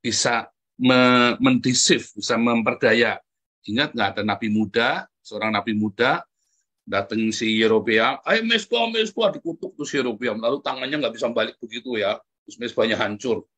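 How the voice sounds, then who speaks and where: A husky man preaches with a lot of life. His pitch keeps jumping upward when he drives a point home. He turns to his listeners again and again with direct questions. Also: normal speed. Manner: animated, jumps high in pitch for emphasis, keeps calling out "saudara". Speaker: pastor. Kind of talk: lively sermon addressing the congregation.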